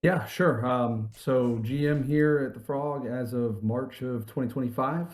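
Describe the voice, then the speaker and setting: Thirty-something man with a dark, mellow voice. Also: mid-range voice, a little slow. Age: 30s. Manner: easygoing, hesitant with ums. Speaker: golf club general manager, guest. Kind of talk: casual podcast interview.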